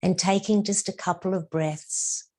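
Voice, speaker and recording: A spiritual teacher, a woman with a lowish voice and a steady tone, leads a meditation session. She talks in a gentle, soothing way, slowly drawing out phrases and whispering certain words.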